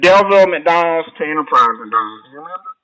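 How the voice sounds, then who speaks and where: A man's voice: fairly high pitch, animated, brisk, pushed and bright. A man hosting a casual interview, his voice fuzzy and muffled as if underwater. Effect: muffled, underwater-like distorted sound. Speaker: podcast host. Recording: fuzzy, overloud, underwater-sounding call audio.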